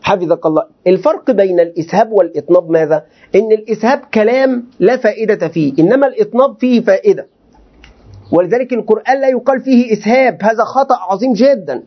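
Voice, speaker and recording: A man's voice: sits high, fast talker, dull audio. A man, a sheikh, lecturing students on Quranic commentary and asking them rhetorical questions. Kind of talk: classroom lecture.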